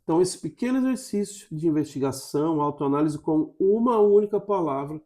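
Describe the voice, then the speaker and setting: A man's voice: a little high, expressive, fairly quick, warm tone. A Brazilian man teaching an English lesson straight to the camera, coaching viewers step by step and checking in with a constant "tá?". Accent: Brazilian Portuguese.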